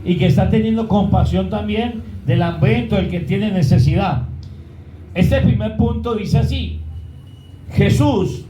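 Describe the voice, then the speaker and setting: A man's voice: high voice, darkish tone, echoey room, a little hiss or hum, low-quality recording. A man preaching a sermon as pastor, often asking the congregation to fill in words.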